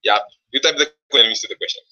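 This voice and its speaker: A man's voice: mid-range voice, rapid-fire, sharp tone. A man wrapping up a teacher training session, earnest and often rephrasing himself. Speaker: workshop presenter. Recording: dull lo-fi classroom recording.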